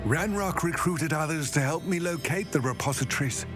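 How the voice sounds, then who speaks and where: Grave goblin ally, man acting, formal and measured, over game music. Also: a little high, natural voice. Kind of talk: video game dialogue. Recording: game audio with loud music.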